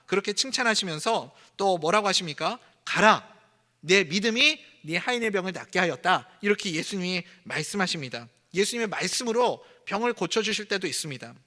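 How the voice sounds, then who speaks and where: A man's voice: high-pitched, pushed and bright, long reverb tail. A man preaching a sermon as pastor of a church, talking to the congregation in a conversational way and acting out quoted lines. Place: church sanctuary.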